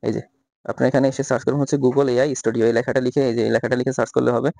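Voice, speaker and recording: A man talking through a software tutorial step by step, asking himself questions and answering them. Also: mid-range voice, flat delivery, rapid-fire, gravelly, no room sound. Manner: repetitive step-by-step instructions, rhetorical questions. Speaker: tutorial host. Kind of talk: screen-recorded software tutorial.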